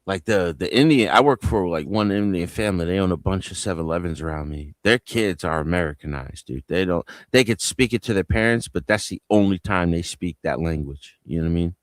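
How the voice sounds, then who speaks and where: A low-voiced man from New Jersey talks fairly quickly, with hardly any pauses, on a casual livestream panel. Heard through a home video-call mic with no echo, he tosses off loose, profane stories.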